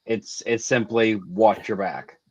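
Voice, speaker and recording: A man's voice: lowish voice, fairly even intonation, slow, slightly rough, no echo, highs cut off. A man from the United States in a casual chat, plain-spoken.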